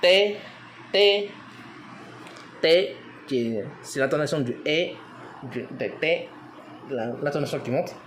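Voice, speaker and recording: A man's voice: mid-range voice, unhurried, a little hiss or hum. A man giving an informal language lesson, hesitant with many fillers, spelling words out letter by letter. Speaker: language teacher.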